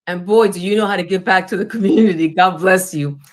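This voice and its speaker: Hosting an interview show, a woman with a fairly low voice talks fairly quickly. She is effusive and formal, offering plenty of compliments and blessings.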